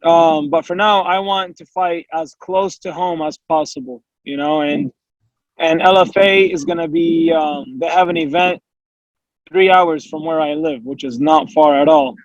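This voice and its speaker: Guesting in a casual interview, an American MMA fighter, young with a high voice, speaks a little slowly and with earnest openness. He strings together long runs of talk laced with fillers and quotes of himself, in a dry recording that sounds dull.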